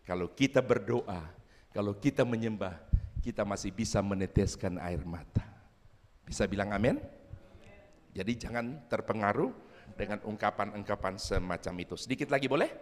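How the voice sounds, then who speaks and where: A man preaching a sermon, animated and acting out quotes with shouts and laughter. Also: fairly low pitch, moderate pace. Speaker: pastor. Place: large church hall. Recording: reverberant church hall.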